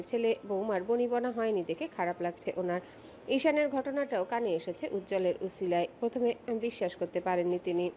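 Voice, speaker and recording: A woman narrating a romantic audio story in a steady, expressive storytelling voice. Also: mid-range voice, slight background noise.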